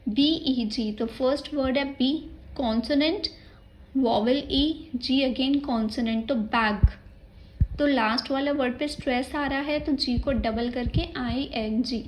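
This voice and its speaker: High-voiced Indian woman teaching grammar. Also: a little slow, a little hiss or hum, low-quality recording. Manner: explains step by step, spelling words letter by letter; mixes English terms into Hindi speech. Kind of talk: exam-prep grammar lesson.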